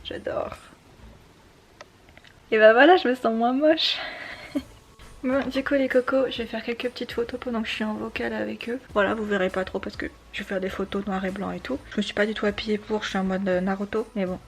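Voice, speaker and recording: A woman in her twenties chatting casually to her camera at home, rambling with quick asides. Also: mid-range voice, steady tone, a little hiss or hum. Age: 20s. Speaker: vlogger. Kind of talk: casual vlog chat to camera. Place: indoors at home, bedroom. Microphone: handheld compact camera.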